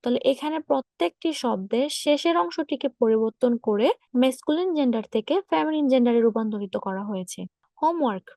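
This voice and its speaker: High-voiced woman teaching grammar. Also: no room sound. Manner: measured, steady, list-like delivery. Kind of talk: instructional reading of word lists.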